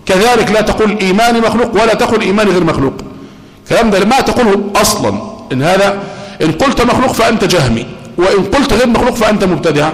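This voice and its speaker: A man's voice: sits high, expressive, racing, poor audio. A man teaching a religious lesson in Egyptian Arabic, explaining step by step and often checking that listeners follow. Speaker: sheikh teaching a creed text.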